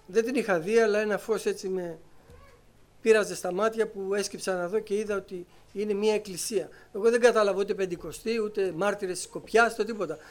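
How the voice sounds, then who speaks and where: High-voiced man telling his testimony. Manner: lively storyteller, acting out conversations. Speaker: church member giving testimony. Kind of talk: personal testimony to a congregation.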